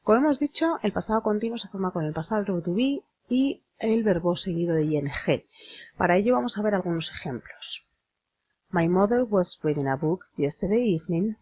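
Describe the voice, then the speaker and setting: A woman explaining an English grammar lesson in a slow, deliberate manner, spelling out letters. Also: medium pitch, animated, darkish tone, breathy edge, dry recording, dull audio. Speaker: English teacher.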